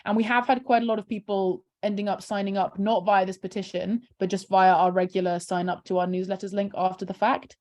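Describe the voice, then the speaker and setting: This woman is a charity campaigner speaking informally on a video call while walking through a screen share. Her medium-pitched, darkish voice is flat, a little fast, and has few pauses. She's chatty and keeps dropping fillers like "um" and "kind of."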